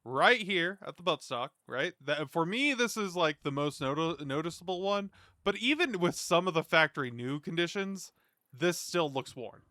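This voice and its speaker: A man's voice: on the high side, animated, normal speed, pushed and bright, no room sound, clean studio sound. A man doing casual, rambling reaction commentary as a gaming streamer, informal and mildly sweary.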